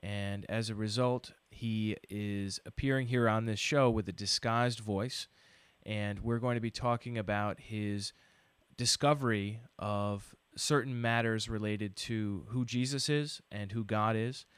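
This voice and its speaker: A man's voice: on the low side, fairly even intonation, a little slow, fairly bright tone, smooth, no echo. A man hosting a show, interviewing a guest in a conversational way. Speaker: radio show host.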